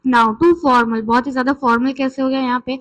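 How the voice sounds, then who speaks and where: A woman with an Indian accent teaching an English lesson, reading example sentences slowly and then explaining them in quick, chatty Hindi with frequent check-ins. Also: high voice, little pitch movement, rough recording.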